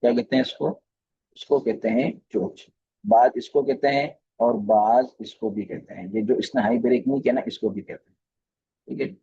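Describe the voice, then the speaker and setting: A man's voice: mid-range voice, steady tone, normal speed, warm tone, husky, dull audio. A man teaching a recorded live class on chart reading, speaking with a flavour and often repeating phrases and putting questions to his students. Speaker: trading course teacher.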